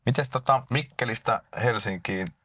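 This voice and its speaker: A man's voice: medium pitch, bright, forceful tone. A man hosting an interview, asking short questions and prompting his guest along. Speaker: interviewer, host. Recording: distant dry mic.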